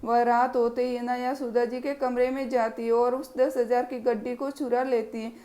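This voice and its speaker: A woman narrating a family story in a steady, plain reading style. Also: on the high side, moderate pace.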